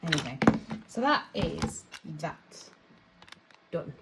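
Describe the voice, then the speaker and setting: A woman's voice: sits low, big pitch swings, takes it slowly, heavy background noise. A young British woman chatting casually and rambling as she counts and sorts her cash. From United Kingdom. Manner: chatty, rambling, self-laughing. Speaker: vlogger.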